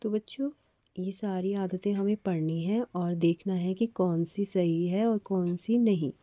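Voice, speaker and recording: Slow, patient woman teaching children. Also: lowish voice, dark tone, no room sound. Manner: slow, patient, spells out sounds and repeats words. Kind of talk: worksheet lesson for children. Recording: slightly dull, lo-fi audio.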